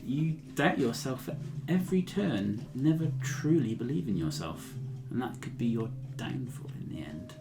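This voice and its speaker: A man voicing a mystical fortune teller in a tabletop game, with a measured, portentous delivery. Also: mid-range voice, big pitch swings. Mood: solemn, ominous. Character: mystical fortune teller pronouncing omens over cards. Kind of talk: in-character tabletop role-play.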